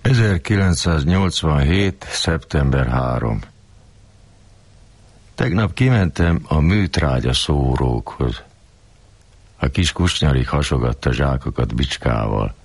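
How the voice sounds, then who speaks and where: A man's voice: very deep voice, lively intonation, no echo. An older man performing a coarse, grumbling, rambling comic monologue.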